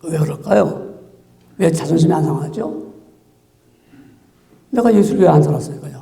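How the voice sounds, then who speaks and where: A man preaching as a pastor, acting out quoted exchanges in an animated way. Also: fairly high pitch, moderate pace, vocal fry, reverberant. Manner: animated, acts out quoted dialogue. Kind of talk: sermon.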